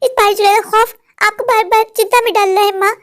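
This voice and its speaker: A stubborn young college girl in a cartoon story, with a very high voice and rapid, breathless talk. She keeps pleading and calling for her mother. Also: fairly even intonation. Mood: pleading, sulky. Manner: pleading, repeating "maa" often. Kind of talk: cartoon voice acting.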